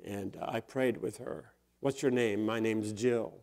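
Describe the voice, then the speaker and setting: A man's voice: lowish voice, fairly even intonation, unhurried, a little mellow. An older man, a pastor, preaching a sermon and telling personal stories in a conversational way, chuckling often and rising into emphatic bursts.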